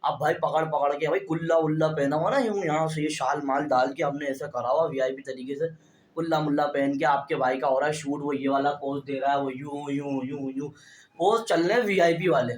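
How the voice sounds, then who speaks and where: Young male vlogger, chatty to-camera storyteller, slightly high pitch, recorded in a roomy echo. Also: fairly even intonation, brisk. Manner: chatty, keeps addressing viewers as brother; stands talking straight to camera.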